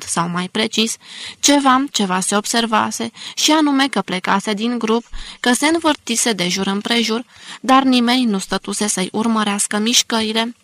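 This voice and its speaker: Woman reading a novel, measured. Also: medium pitch, fairly bright tone, no room sound. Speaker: audiobook narrator. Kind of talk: scripted narration.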